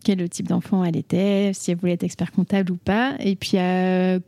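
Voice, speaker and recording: A woman's voice: lowish voice, flat delivery, fairly quick, mellow, no echo. A woman hosting a podcast interview, speaking with many hesitant fillers, recorded in a coworking space. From Brittany. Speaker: podcast host. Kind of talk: conversational interview.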